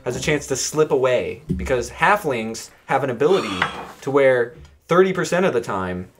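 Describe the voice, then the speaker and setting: A man's voice: mid-range voice, lively intonation, normal speed. A man running a tabletop role-playing game for friends in a casual, joking, crude style. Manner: informal, joking, crude humor. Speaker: game master. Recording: noisy room recording with clicks.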